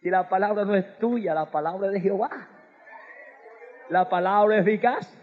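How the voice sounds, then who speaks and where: A man preaching a fervent sermon, swinging from hushed pleading to shouted exclamations. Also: sits high, normal speed, big-room sound, phone-quality sound. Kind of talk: Pentecostal-style sermon.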